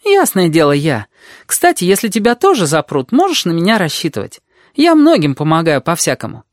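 A reader voicing a bold, chatty red-haired girl who lectures quickly and jumps between topics. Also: medium pitch, wildly swooping pitch, no room sound, clean studio sound, voice pushed up. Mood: bossy. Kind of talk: audiobook character voice.

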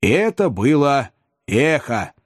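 A man voicing a gloomy gravedigger who mockingly half-sings his lines slowly in an audiobook reading. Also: mid-range voice, very animated, breathy edge, pitched above the performer's own voice, heavily acted. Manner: mocking, slow, half-sung. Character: grim, gloomy male gravedigger, middle-aged.

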